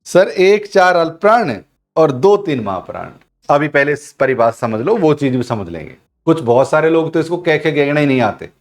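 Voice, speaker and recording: Male grammar teacher running a live online class. Asks, answers and repeats, and voices syllables aloud to demonstrate. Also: a little high. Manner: repetitive call-and-response questioning of students; addresses students as friends and reads their chat.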